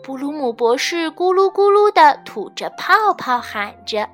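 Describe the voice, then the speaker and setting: A woman reading a children's storybook aloud, expressive and measured. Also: sits high. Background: faint children's music.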